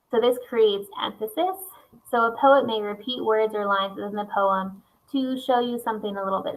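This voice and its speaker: A young woman talks through a recorded lesson as a teacher. She explains each point patiently and step by step, at a middle pitch. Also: fairly bright tone, rough recording. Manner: patient, explains step by step, reads examples aloud.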